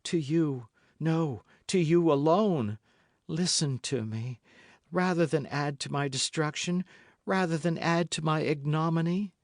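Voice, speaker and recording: This clean, echo-free studio take has a man raising his voice on the high side to portray a conniving noblewoman for an audiobook. At a measured pace she begs tearfully, sobbing and short of breath, all while putting on a show of devout humility.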